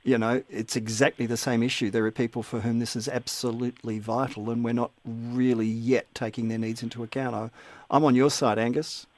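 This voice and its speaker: A man's voice: medium pitch, level tone, a little fast, darkish tone. An Australian man hosting a talkback radio show, speaking with a sympathetic, conversational manner to a caller. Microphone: studio microphone.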